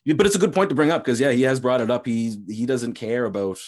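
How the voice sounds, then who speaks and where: A male podcast host chatting casually about fighting sports. He is laid-back and loose, and he swears often as he rambles through his points. His voice sits at an ordinary middle pitch. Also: fast. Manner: relaxed, rambling, swears freely.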